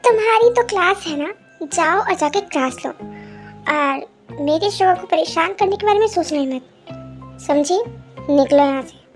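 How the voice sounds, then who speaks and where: A woman voicing a jealous, sharp-tongued young woman in a fan audio drama, snappish and commanding. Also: extremely high pitch, expressive, normal speed, long pauses, soft background music. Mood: hostile.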